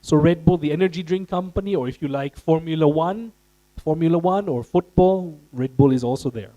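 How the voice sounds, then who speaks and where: A man from Austria gives an informational presentation to young students. His voice sits a little high and has a mellow tone. He talks to the crowd directly and puts questions to them. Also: brisk, muffled recording. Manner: engaging, addresses the audience directly with questions. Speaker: presenter at a career event.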